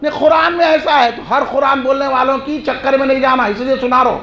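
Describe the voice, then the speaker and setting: High gravelly male preacher shouting refrains. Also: fairly even intonation, muffled recording. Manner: chanting repeated phrases, shouting refrains. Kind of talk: fiery religious speech. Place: large mosque hall. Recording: echoey mosque hall.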